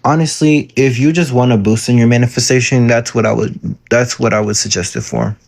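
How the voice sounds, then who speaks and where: A man's voice: mid-range voice, steady tone, a little fast, gravelly, a little mellow. A man giving casual manifestation advice on a live stream, reading viewer comments aloud and answering them in a chatty way full of fillers, into a phone.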